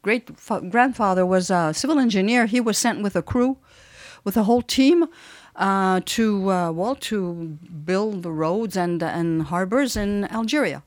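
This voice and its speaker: A woman's voice: medium pitch, no echo. An older woman from Tunisia, a radio interview guest, recounting her family history in a thoughtful, hesitant way. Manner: thoughtful, hesitant storytelling with pauses.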